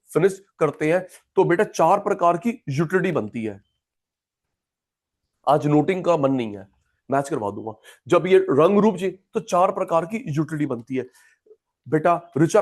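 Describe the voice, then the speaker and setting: A man's voice: a little high, a little mellow. A man teaching an economics class, chatty and repetitive, calling students by name. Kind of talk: classroom lecture.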